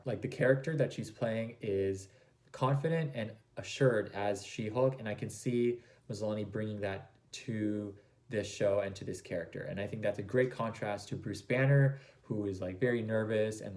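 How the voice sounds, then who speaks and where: A man's voice: on the low side, dark tone. Enthusiastic, rambling man giving fan commentary. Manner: enthusiastic, gushing. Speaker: reaction video host.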